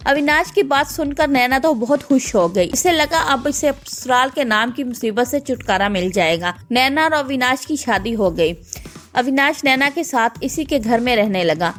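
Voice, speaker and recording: A woman reading scripted storybook narration in a plain, even manner. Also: high voice, moderate pace. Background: faint music.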